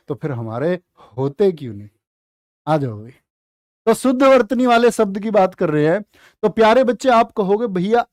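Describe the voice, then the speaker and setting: Male tutor for a live class, high voice, unhurried, playful and teasing. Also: a little mellow, no echo, clean studio sound. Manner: playful, teasing, drawn-out spelling of words. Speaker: Hindi teacher. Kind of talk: live online exam-prep class.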